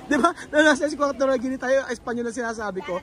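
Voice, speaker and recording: A woman vlogging outdoors, chatting with children in a lively, coaxing way and switching between languages. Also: high voice, quick pace. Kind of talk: casual vlog chat with children. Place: busy street outdoors. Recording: crowd and music noise outdoors. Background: street crowd and music.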